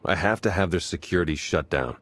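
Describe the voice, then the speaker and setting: This man's voice sits low and moves a little fast, recorded with no echo. He plays a video game spy, wry and easygoing, briefing his team in a casual, matter-of-fact, businesslike way.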